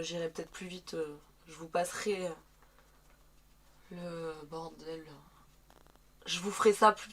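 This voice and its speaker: A woman in her early thirties talks through her makeup routine in a loose, rambling way, with frequent sighs and restarts. Her voice has a slight croak left over from a recent illness. She is recording at home in a small dressing room, speaking straight to a camera in front of her. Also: on the low side, slight background noise. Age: 30s. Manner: rambling, chatty, with sighs and self-corrections. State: recovering from covid, slightly croaky. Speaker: beauty vlogger. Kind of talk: casual makeup tutorial chat.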